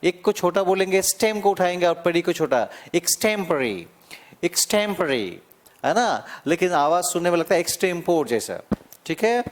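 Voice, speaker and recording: High-voiced man teaching vocabulary. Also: lively intonation. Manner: explains slowly, drawing out key words and repeating them, checking in with "है ना?". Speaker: English teacher. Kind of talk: exam-prep vocabulary lesson.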